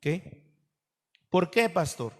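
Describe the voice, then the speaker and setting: Animated man preaching in a reverberant hall. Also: sits high, takes it slowly. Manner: animated preaching to a congregation, asks questions. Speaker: pastor. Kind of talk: sermon.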